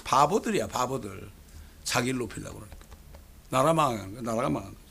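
A man's voice: medium pitch, lively intonation, quick pace, creaky, a bit bright, husky. A middle-aged man preaching a sermon, asking the congregation rhetorical questions and pressing his points with emphasis. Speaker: pastor.

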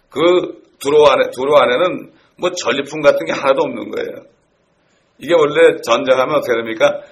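A middle-aged male pastor preaches with earnest energy. He keeps asking the congregation questions. His voice sits at a middle pitch over a faint background hiss. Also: gravelly. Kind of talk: sermon.

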